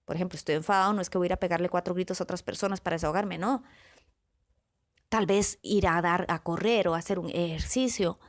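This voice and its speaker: A woman motivational speaker giving a calm, reflective podcast talk, listing words one by one with pauses and often checking in with her listeners. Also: lowish voice. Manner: often checks in with the listener with a soft question tag. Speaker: motivational speaker on self-awareness.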